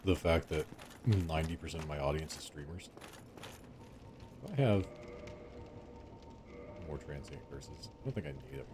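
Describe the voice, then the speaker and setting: Very deep-voiced man streaming a game. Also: animated, moderate pace, long pauses. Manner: rambling, chatty with chat, jokey. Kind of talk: live gameplay commentary. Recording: game music behind voice.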